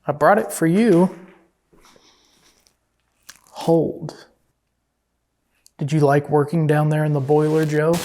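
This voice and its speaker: A mid-range voice, fairly quick, belongs to a paranormal investigator who calmly coaxes an unseen presence and asks it questions in the course of a night investigation.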